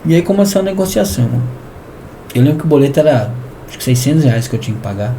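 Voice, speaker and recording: A Brazilian man with a Brazilian Portuguese accent, a podcast guest telling a testimony in a lively way, often calling the host "irmão" and acting out dialogue. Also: medium pitch, very fast, a little hiss or hum. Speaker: podcast guest, business founder. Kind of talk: animated testimony storytelling.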